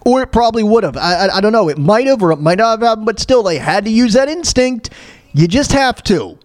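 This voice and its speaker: A show host with a high, very animated voice gives opinionated commentary on news clips, blunt and emphatic. His delivery is halting and rambling, with frequent stumbles and repetition.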